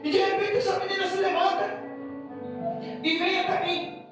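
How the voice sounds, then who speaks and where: A Brazilian pastor preaching a sermon, telling his story with emotion and breaking into shouts. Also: very high voice, little pitch movement, moderate pace, heavy reverb, distant mic, music in the background, low-quality recording.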